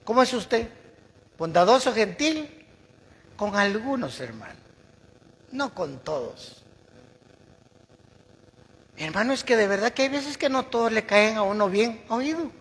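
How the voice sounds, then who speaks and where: A male pastor from preaching a sermon. He asks the congregation questions and slows down to read scripture aloud. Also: high-pitched, animated, fairly bright tone, slightly rough, big-room sound, poor audio.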